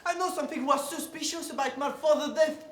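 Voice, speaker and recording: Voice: sits high, a bit bright. An actor playing a frightened young royal. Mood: anxious. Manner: anxious, hurried. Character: young royal fearing murder, fleeing. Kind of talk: amateur stage play monologue. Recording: echoey hall.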